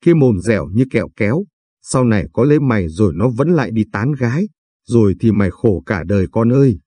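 A blunt, worried village mother scolding her daughter, voiced by a male reader. The voice is low and mellow with a husky edge. It sounds dry and close to the mic. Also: expressive, a little fast, no room sound.

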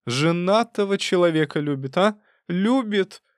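Scolding old aunt, read by a man: high, loud, folksy, fierce. Dry audiobook. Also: animated, measured pace, no echo.

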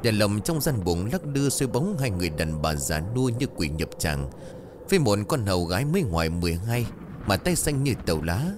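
A man narrating a horror story in a dramatic, lively storytelling manner. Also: on the low side, brisk, background noise.

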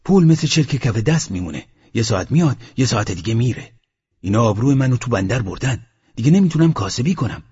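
A man's voice: mid-range voice, expressive, breathy edge, dull audio. A man narrator voicing a proud young Tangestani man, talking in a heated, aggrieved outburst.

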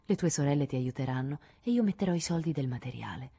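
A woman reading an audiobook, voicing a kind, calm mother who speaks gently and quietly. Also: very deep voice, fast talker, creaky, breathy edge, heavily acted. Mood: tender.

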